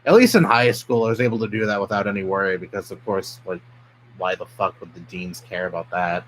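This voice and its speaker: A man's voice: deep voice, fairly quick, a bit bright, a little hiss or hum, low-quality recording. A young man from New York City, a streamer ranting bluntly and profanely in casual live-stream chat. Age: young adult.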